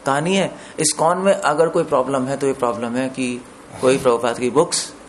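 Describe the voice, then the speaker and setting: A man's voice: medium pitch, steady tone, normal speed, a little hiss or hum. A man giving a scripture discourse as a preacher, explaining word meanings step by step and checking with listeners through questions. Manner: explains with questions to listeners, mixes in English words.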